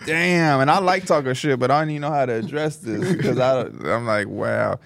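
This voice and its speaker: A man co-hosting a podcast, telling a story in casual slang and jumping into high voices to quote people. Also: brisk, fairly bright tone, dry recording. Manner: slangy, laughs through his stories. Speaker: podcast co-host.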